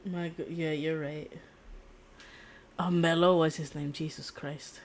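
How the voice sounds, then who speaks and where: A woman with a low voice, little pitch movement and a measured pace chats on her gaming live stream. She is slangy, blunt and rambling, often repeating words, while game audio and faint noise run underneath.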